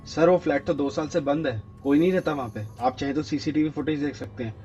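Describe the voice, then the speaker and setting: A man voicing a male security guard who speaks respectfully and quickly reassures. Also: a little high, fairly even intonation, dark tone, slight background noise, natural voice. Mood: reassuring. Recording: dull lo-fi with faint music.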